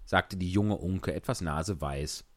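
A man reading a children's story aloud in an expressive manner, adding casual asides. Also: low voice, a little slow, noisy background. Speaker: audiobook reader.

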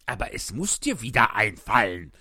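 Man voicing a king, storybook, irritable, blustering, loud, bright. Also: lowish voice, sing-song, normal speed, breathy edge, no room sound, studio quality, heavily acted. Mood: angry.

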